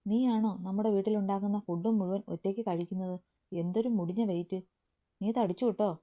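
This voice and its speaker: A woman's voice: medium pitch, steady tone, brisk, mellow, lightly acted. A woman reading the lines of a bossy, teasing young man in a family story, in a firm, scolding way. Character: bossy teasing young man, playful older-brother type.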